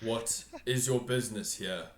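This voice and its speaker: A man voicing an imposing, suspicious lord of a dark hall in a tabletop game, with a deep voice and slow, commanding delivery. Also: close to an everyday voice. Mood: menacing. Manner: slow, commanding, stretched-out words. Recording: roomy, echoing home recording.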